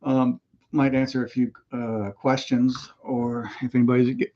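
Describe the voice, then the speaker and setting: A man's voice: medium pitch, little pitch movement, a little slow, mellow, dull audio. A man chatting casually on a livestream, rambling in a folksy way with lots of fillers and restarts, and he has the hiccups. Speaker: motorcycle vlogger.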